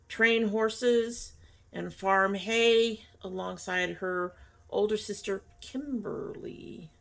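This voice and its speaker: Stuffy and sniffling from a sinus cold, a woman host talks through her makeup routine on her own channel. She's chatty and informal, adds apologetic asides, and speaks with a medium pitch and vocal fry.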